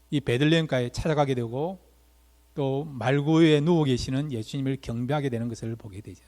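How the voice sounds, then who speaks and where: A man's voice: fairly high pitch, a little mellow. A male pastor preaching a Sunday sermon and addressing the congregation with one rhetorical question after another. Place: church sanctuary. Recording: long reverb of a church hall.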